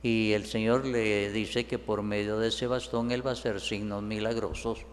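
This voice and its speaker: A man preaching a sermon as a priest, whose voice rises higher and stronger when he quotes biblical figures. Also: little pitch movement, moderate pace. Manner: preaches with rising pitch and force when quoting biblical figures. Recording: long reverb in a large hall.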